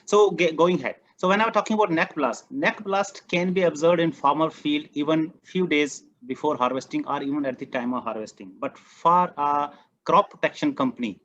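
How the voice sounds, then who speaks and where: A man's voice: fairly high pitch, moderate pace, a bit bright. A man from India with an Indian accent, giving an earnest, emphatic online training lecture on a video call. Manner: earnest, emphatic, repeats key points. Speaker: agronomy trainer. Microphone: computer mic on a video call. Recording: muffled video call audio.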